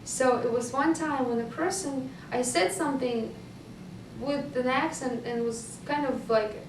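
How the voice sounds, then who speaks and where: A Russian hypnotist with a Russian accent answers interview questions thoughtfully, hesitating with fillers in a high-pitched, unhurried voice. The recording is noisy and echoey, with her far from the mic.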